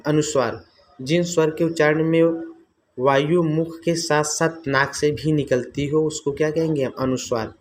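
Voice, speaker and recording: A man teaching an exam-prep grammar lesson, asking his own questions and answering them, repeating each term. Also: a little high.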